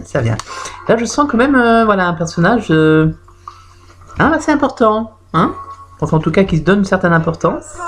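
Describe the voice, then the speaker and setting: A performer voicing a chatty female clairvoyant who reads a caller's fortune in a comic phone-in sketch, with drawn-out hums and exclamations. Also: mid-range voice, lightly acted. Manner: theatrical, drawn-out "hmm" and "ouh là là", claims flashes and vibrations. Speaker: fortune teller taking a call. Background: music playing behind the voice.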